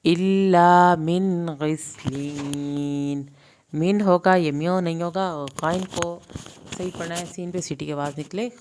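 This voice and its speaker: A woman teaching Quran recitation rules, reciting each phrase slowly and then explaining it quickly. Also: on the low side, steady tone, a little mellow, slight background noise. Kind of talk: tajweed recitation lesson.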